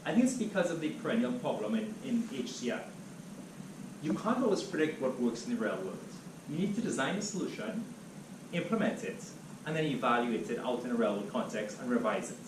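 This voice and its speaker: Speaking briskly in a mid-range voice, a Trinidadian guest lecturer delivers a seminar talk in a lecture room with animated, steady pacing. Background noise, room echo and a far-off microphone color the recording.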